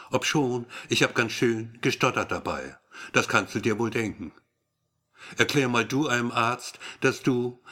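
Sex: man reading a woman. Figure: a man reading a sweetly sinister letter writer. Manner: sugary, insinuating, lively pitch. Style: audiobook letter.

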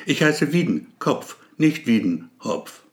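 A touchy, pedantic man in a storybook, nervous and defensive, forever correcting the people around him, as a male reader voices him. His pitch swings widely as he insists on his point. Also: very animated, slow pace.

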